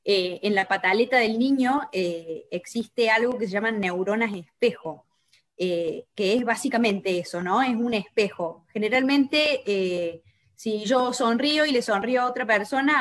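Calm explaining woman with Chilean accent. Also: fairly high pitch, normal speed. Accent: Chilean Spanish. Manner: calm, explanatory, many hesitations. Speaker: co-host. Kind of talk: casual talk show conversation.

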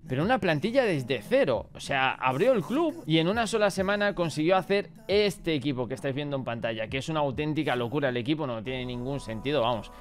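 A young man from chatting about video games to his viewers, excitable and given to swearing, indignant rants. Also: on the high side. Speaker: gaming YouTuber. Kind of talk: casual gaming commentary to camera.

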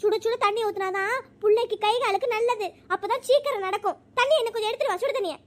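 A woman's voice: very high-pitched, fast. A woman voicing a bossy older village mother-in-law in a cartoon, always scolding. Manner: scolding, domineering. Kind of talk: cartoon voice acting.

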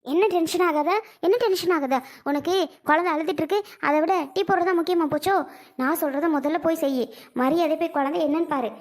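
A young performer voicing an angry middle-aged mother who loudly scolds her daughter in a family skit. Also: fairly quick. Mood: scolding. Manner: loud, scolding, high-pitched shouting. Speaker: Selvi, the young wife's mother.

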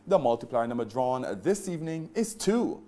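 A man's voice: mid-range voice, expressive, normal speed, warm tone. A middle-aged man presenting a televised lottery draw in a formal, emphatic announcer's delivery. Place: TV studio.

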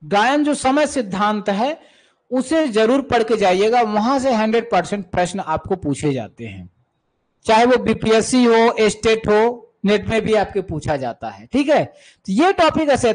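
A man's voice: very high voice, expressive, a little slow, poor audio. A man coaching students for music teacher exams, who repeats key terms and speaks to students as "beta" while answering viewer questions.

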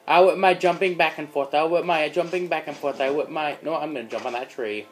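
With faint music behind him, a teenage boy with a fairly high voice talks briskly about his gameplay. He's a let's play host recorded on a phone in a dim room before a screen, excitable and prone to yelping when he takes damage.

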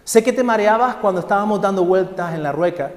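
A man voicing a patient master potter who refuses calmly and firmly. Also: high voice, brisk. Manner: calm, firm refusals. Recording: echoey hall.

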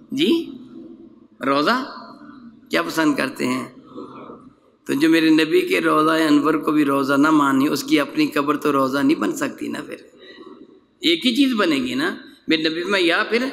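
A man leads a religious lesson, preaching in a bright, forward voice that sits somewhat high. He questions his listeners and slows down to recite scripture. His words ring out with a long reverb in a large hall. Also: gravelly, slight background noise. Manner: preaching, asks the audience rhetorical questions; recites scripture slowly, ends with a prayer. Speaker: religious teacher. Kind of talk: Quranic lesson.

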